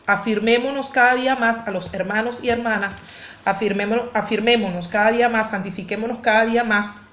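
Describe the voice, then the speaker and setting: A woman pastor preaches with fervor in a fairly high voice. She circles back on her phrases and restarts words as she presses her point. The sermon carries the echo of a roomy space. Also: fairly even intonation, fairly quick, fairly bright tone. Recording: echoey room.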